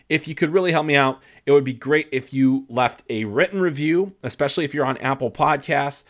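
A man's voice: medium pitch, a bit bright. A man hosting a solo sports podcast, a little stuffy from a recent cold, talking in a chatty, rambling way with fillers. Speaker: podcast host.

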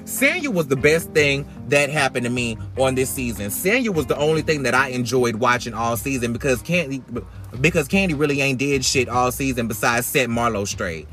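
A man giving sassy, emphatic, opinionated casual commentary as a podcast host, talking loudly as if to be heard over rain. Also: medium pitch, lively intonation, moderate pace. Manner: emphatic, sassy, swearing freely. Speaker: podcast host reviewing reality TV. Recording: iPhone recording with background music. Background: rain and music.

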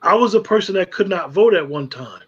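High-voiced, husky man speaking emphatically. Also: expressive, a little fast, highs cut off. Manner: emphatic, repeats words when building a point. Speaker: podcast co-host. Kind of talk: casual conversation.

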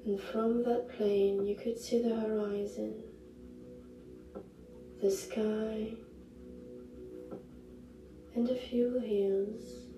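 A woman leads a guided meditation like a sleep story narrator, soothing and gentle. Her delivery is slow and hushed, with long pauses. The sound is roomy and echoing, with music behind her. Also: mid-range voice, flat delivery. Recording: roomy echo, distant mic, music behind.

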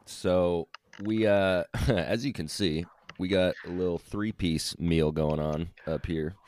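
A man with a hoarse, froggy voice today, hosting a casual podcast chat. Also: low-pitched, slow, darkish tone. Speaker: podcast host.

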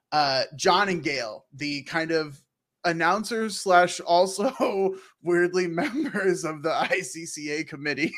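A man's voice: a little high, a bit bright. A man co-hosting a podcast in casual chat, gushing enthusiastically. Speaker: podcast co-host.

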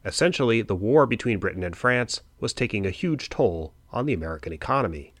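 Male history narrator, lowish voice, dry close sound, chatty and wry. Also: expressive, fairly quick, no room sound. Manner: conversational, wry asides. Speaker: history podcast host. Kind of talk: casual scripted history narration.

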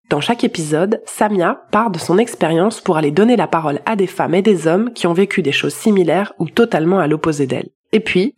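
A woman's voice: on the low side, darkish tone, breathy edge. A woman hosting a podcast review, delivering scripted narration with personal commentary.

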